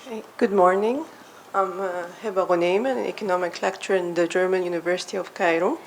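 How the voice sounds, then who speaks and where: A woman's voice: lowish voice, steady tone, brisk, a little hiss or hum, rough recording. A woman who is an economics lecturer, introducing her research to a workshop group with many fillers. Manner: filler-heavy self-introduction.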